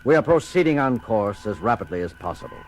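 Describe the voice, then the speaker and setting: An actor playing an exasperated, authoritative starship captain in an audio drama, giving clipped orders. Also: male voice, fairly low pitch, sing-song, quick pace, slight background noise. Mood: grave, businesslike. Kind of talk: dramatic audio theater acting. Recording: music under the voice.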